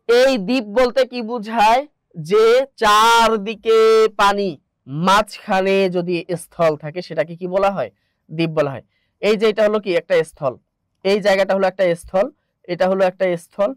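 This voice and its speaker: A man's voice: high voice, dry recording. A man with a Bangladeshi Bengali accent teaching an exam-prep grammar lesson, asking rhetorical questions and repeating the answers.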